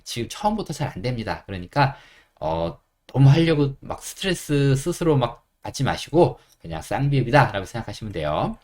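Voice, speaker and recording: A man teaching English pronunciation to beginners, patiently sounding out letters and repeating words so learners can follow. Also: mid-range voice.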